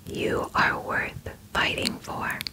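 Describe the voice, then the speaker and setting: Asmr lady whispering a soothing pep talk, affirmations, really slow and unvoiced. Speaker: ASMR host.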